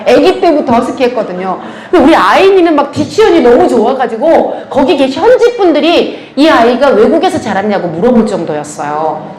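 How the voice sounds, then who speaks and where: A church ministry lecturer with a high voice gives a lively, anecdotal talk to a church audience, telling stories animatedly with frequent laughter. The recording comes from a roomy church lecture hall with faint ambience and a little hiss or hum.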